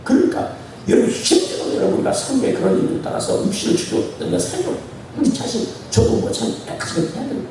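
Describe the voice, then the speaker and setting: A man's voice: high voice, fast talker, noisy background. A male pastor preaching a sermon, calling out to the congregation and drawing amen responses. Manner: animated preaching with call-and-response; addresses the congregation constantly. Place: church sanctuary. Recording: echoey church hall from far off.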